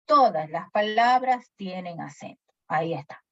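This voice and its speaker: A woman's voice: fairly low pitch, unhurried, no echo. A woman teacher giving a lecture who keeps asking her class questions. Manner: animated, asks the class questions often. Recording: dry, dull lo-fi sound.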